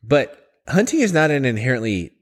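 A man's voice: mid-range voice, big pitch swings, fairly quick. A man co-hosting a podcast in casual chat, dry and a bit sarcastic. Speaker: podcast co-host.

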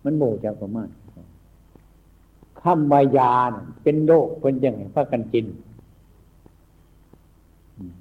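A husky-voiced man with an Isan Thai accent gives an informal Dhamma talk, wandering from point to point in a folksy way and humming as he thinks. The sound is thin and phone-like, as if it came down a telephone line. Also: mid-range voice, takes it slowly, pauses often. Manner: rambling, folksy, frequent thinking hums. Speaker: Buddhist monk teaching new monks. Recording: tinny phone-like recording.

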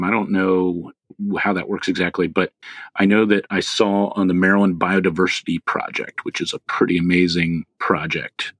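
A man with a very low voice chats casually about wildlife. He talks in a loose, rambling way, full of fillers and restarts. The recording is dry and close. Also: a bit bright, no echo. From Philadelphia area, US. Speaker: podcast co-host. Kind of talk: casual birding chat.

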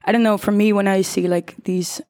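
A woman's voice: mid-range voice, level tone, brisk, darkish tone, no room sound, studio quality. A twenty-year-old woman, talking informally as a podcast guest. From The Hague, Netherlands. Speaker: student panel guest.

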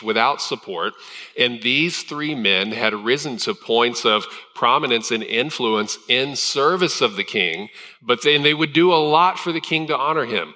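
Bright-voiced man preaching in church. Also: mid-range voice. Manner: conversational, with fillers and restarts. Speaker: pastor. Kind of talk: sermon. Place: church sanctuary. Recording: long church hall reverb.

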